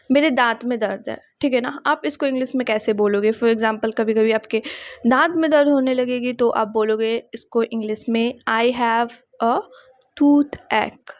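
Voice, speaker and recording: Brief: young woman, English tutor, slow and clear, slightly high voice, dry close sound. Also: no echo. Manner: slow careful repetition of example sentences; mixes Hindi explanation with English phrases. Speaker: English teacher. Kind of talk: spoken English lesson.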